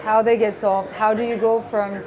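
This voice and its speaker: A woman's voice: medium pitch, little pitch movement, normal speed. A woman from Greece in her thirties, a guest speaker in a live interview, talking in an earnest, upbeat way with some restarts. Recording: live event with a crowd behind.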